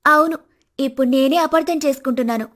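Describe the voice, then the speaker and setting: A woman voicing a proud, quick-tempered young daughter-in-law in an animated storybook, talking sharply and sarcastically in a raised voice. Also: sits high. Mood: sarcastic.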